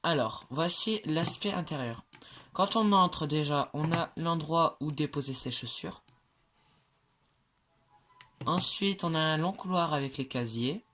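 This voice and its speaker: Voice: medium pitch, unhurried, pauses often, fairly bright tone, slight background noise. A speaker casually narrating a walkthrough of their own game builds, hesitant, with many fillers and self-corrections, joking about their own slips. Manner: chatty, jokes at own slips. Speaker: game creator showing builds.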